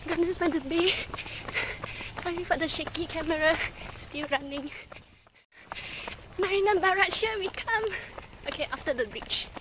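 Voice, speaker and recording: Young female running vlogger, very high voice, breathless and excitable, loud outdoor noise on a handheld phone. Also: normal speed, long pauses. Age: young adult. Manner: short breathless phrases, excitable. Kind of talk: casual running vlog chat. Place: outdoors on a night race route. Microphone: phone at arm's length. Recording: noisy outdoor phone recording on the move. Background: clear outdoor ambient noise.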